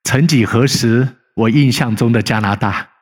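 Husky-voiced pastor preaching in a reverberant hall. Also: male voice, medium pitch, moderate pace. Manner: animated storytelling, acting out quoted people in a raised voice; frequent tag particles, conversational preaching. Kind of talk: sermon. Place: church sanctuary.

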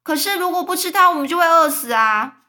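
A woman voicing a loud, excitable male centipede in a storybook reading, shouting and agitated. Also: very high-pitched, brisk, voice pushed up, heavily acted. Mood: excited.

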